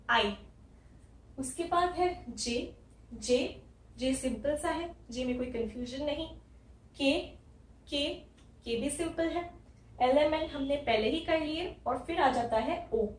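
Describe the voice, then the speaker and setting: High-voiced lady from india going over english letter sounds, slow and patient, kinda echoey and far from the mic. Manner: patient, repeats each sound slowly. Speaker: English pronunciation teacher. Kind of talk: explaining letter sounds step by step. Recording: echoey room, voice from a distance.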